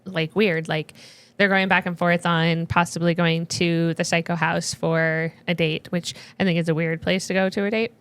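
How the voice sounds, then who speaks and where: A woman's voice: lowish voice, flat delivery, moderate pace, hardly any pauses, fairly bright tone, clear, resonant tone. A young adult woman co-hosting a podcast, talking about a book in casual chat and laughing often. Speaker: podcast co-host.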